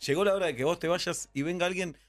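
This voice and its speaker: Fast-talking Rioplatense radio host. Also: male voice, high voice, soft background music. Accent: Rioplatense Spanish. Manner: teasing, quick back-and-forth. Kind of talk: live radio talk. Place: radio studio. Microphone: studio microphone.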